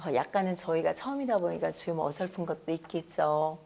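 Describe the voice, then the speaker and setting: Middle-aged woman pastor, co-host; dark, gravelly low voice, affirming. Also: a little fast. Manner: warm affirming, frequent "ne" backchannels.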